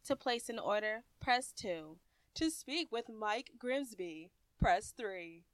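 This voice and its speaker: A woman's voice: on the high side, no echo. Polite woman reading phone menu prompts. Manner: polite, even, measured. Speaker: automated phone system voice.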